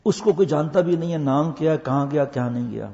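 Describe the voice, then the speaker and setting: An older man giving a religious talk to madrasa students, telling stories with impassioned swings between loud urging and slow hushed passages. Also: on the high side, gravelly. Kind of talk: Urdu religious talk with anecdotes. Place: mosque or madrasa hall. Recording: echoey hall, dull lo-fi recording.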